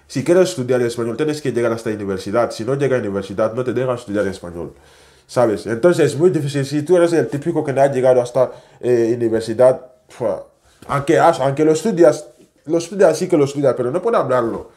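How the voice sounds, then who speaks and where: Young man, speech; animated casual vlogger. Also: medium pitch, a little fast. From West Africa. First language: French. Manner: animated, chatty, non-native Spanish with tag questions. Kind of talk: casual storytelling to camera.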